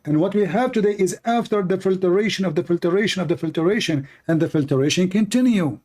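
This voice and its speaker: Speaking fairly quickly in a high-pitched, darkish voice, an Arabic-speaking man hosts polemical religious commentary. His English is emphatic and repetitive, with non-native phrasing typical of a religious debate host.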